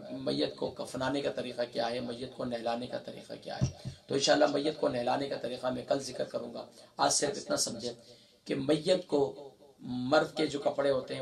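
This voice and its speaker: A man teaching a religious lesson, reciting slowly syllable by syllable and explaining quickly in between. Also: medium pitch, gravelly, distant mic. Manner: slow drawn-out recitation spelling out syllables.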